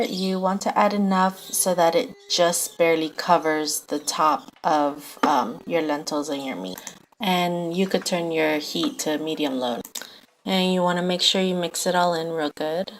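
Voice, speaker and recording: A woman's voice: lowish voice, fairly even intonation, a little slow. A young woman giving an informal, conversational recipe voice-over as a home cook. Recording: faint background noise.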